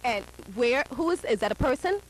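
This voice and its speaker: Lively high-voiced woman hosting children. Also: fairly quick, slight background noise, low-quality recording. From New York. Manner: lively, encouraging, laughs often. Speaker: host of a children's show. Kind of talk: casual chat with children.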